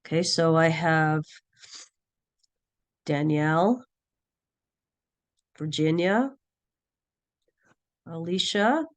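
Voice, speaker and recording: Woman, raspy, hoarse from a cold, instructor, halting, filler-heavy, video call. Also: low voice. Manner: halting, thinks aloud, many fillers. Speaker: nursing class instructor. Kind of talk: online class session.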